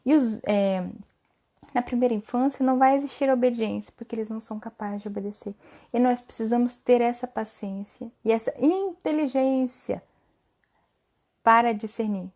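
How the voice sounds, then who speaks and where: A high-pitched woman hosts a casual live stream for mothers. She talks in an earnest, coaching way. She keeps tagging her sentences with a quick "tá?" to check that her listeners are following. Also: a little mellow. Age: adult mother. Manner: ends phrases with a questioning "tá?".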